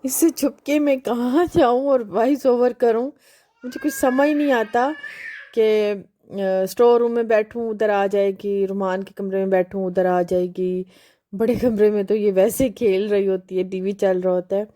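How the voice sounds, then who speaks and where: A woman, chatting casually in a home vlog voice-over, unhurried and pausing often. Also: medium pitch, fairly even intonation, dark tone. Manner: chatty, unhurried, with frequent hesitations. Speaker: home cooking vlogger.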